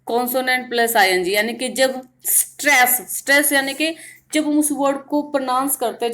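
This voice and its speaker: A woman teaching grammar in Hindi, explaining step by step and repeating words slowly to show their stress. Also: a little high. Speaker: English teacher. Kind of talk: grammar lesson in Hindi with English terms.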